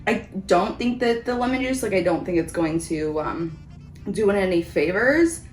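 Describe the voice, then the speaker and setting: A woman's voice: medium pitch, animated, normal speed, soft background music. A woman giving a casual, chatty food review as host of a taste test vlog. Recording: roomy echo, background noise.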